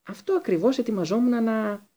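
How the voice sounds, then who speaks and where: A man's voice: sits high, warm tone, lo-fi sound, voice pushed up. A man voicing a cowardly, frightened man who squeals and wheedles in panic. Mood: wheedling.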